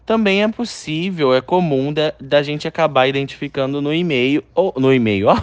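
A man's voice: a little high, no room sound. A young adult man with a Brazilian Portuguese accent teaching an online English lesson, chatty and speaking straight to his students. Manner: upbeat, chatty, addresses students directly.

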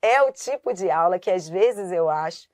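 A woman's voice: on the low side, lively intonation, moderate pace, darkish tone, no room sound, clean studio sound. A woman teaching a grammar lesson for exam preparation. She explains patiently, repeats points and stresses key syllables. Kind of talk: online exam-prep lesson.

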